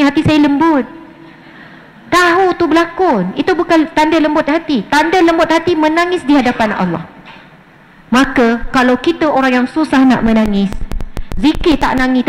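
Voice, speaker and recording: A middle-aged Malaysian woman with a Malay accent, giving a lively mosque lecture to women and acting out little scenes as she preaches. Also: high voice, poor audio. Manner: lively, acts out little scenes in her speech. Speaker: religious teacher. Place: mosque prayer hall.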